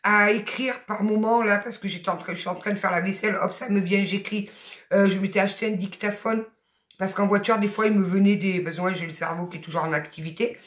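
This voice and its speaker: A tarot card reader with a Southern French accent gives a spoken guidance reading. The delivery is emphatic, chatty and encouraging, with blunt asides. The voice sits at a middle pitch and rings in an echoey room. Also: steady tone, brisk, a bit bright.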